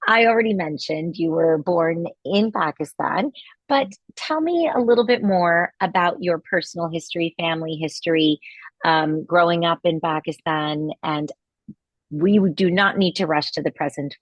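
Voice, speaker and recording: A woman's voice: on the low side, expressive, normal speed, no echo, dull audio. A woman hosting an interview over video call, effusive and enthusiastic, often affirming her guest. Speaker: podcast host. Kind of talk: interview conversation.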